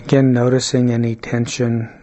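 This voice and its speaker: A man leading a guided body-scan meditation, speaking calmly and soothingly, with long pauses between short phrases. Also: mid-range voice, a little hiss or hum.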